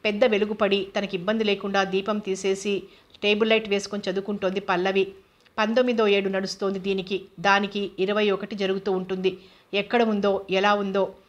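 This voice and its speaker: A woman's voice: medium pitch, lo-fi sound. A woman reading a novel aloud as a narrator, voicing every character in her own voice. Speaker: audiobook narrator.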